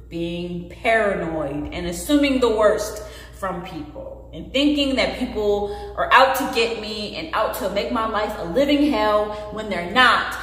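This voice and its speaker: Earnest woman in a very echoey room. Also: medium pitch. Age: late 20s. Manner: earnest, expressive, gestures with hands while talking. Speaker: vlogger. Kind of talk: candid personal vlog talk. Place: bare indoor room. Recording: very echoey room with long reverb.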